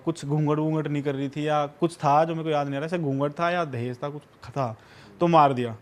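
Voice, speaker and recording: Man telling a story, animated. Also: fairly quick. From Haryana. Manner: animated, acts out quoted lines in a lower quieter voice. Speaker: podcast guest. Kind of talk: casual storytelling.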